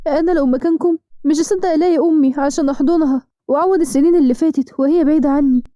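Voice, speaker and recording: A woman with an Egyptian accent voicing a gentle young woman who speaks softly and earnestly. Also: high-pitched, racing, lo-fi sound, natural voice.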